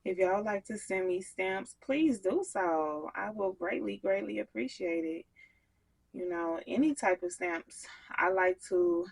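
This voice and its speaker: Slow, gravelly woman vlogger chatting. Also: mid-range voice, lively intonation, low-quality recording. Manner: chatty, talks straight to viewers. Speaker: soap maker and vlogger. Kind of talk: casual chat while crafting.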